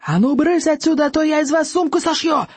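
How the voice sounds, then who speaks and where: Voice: medium pitch, big pitch swings, slow, darkish tone, husky, dry recording, exaggerated voice. A narrator voicing a big, commanding Viking chief and father who roars his orders, in an audiobook reading. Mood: roaring. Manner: roaring, commanding. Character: huge bellowing Viking chief father, middle-aged man.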